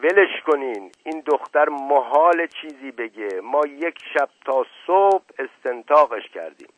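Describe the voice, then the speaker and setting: A man voicing a hot-tempered, blustering middle-aged man who snaps gruffly. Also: mid-range voice, lively intonation, no echo, pitched above the performer's own voice, natural voice. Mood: snapping. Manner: gruff, snapping, muttered threats. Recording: tinny phone-like, dry.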